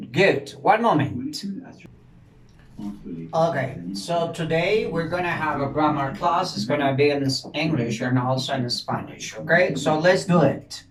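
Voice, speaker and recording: Slow, echoey teacher man. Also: fairly high pitch, far from the mic. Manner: slow, repeats words for young pupils. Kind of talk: bilingual grammar lesson.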